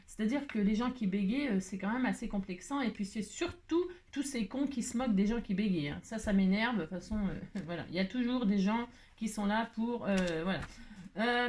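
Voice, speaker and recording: A middle-aged woman chatting playfully while making crafts, rambling with jokes and little asides. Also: medium pitch. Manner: playful rambling, jokes, laughs, hums snatches of song. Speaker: crafting vlogger. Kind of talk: chatty crafting tutorial talk.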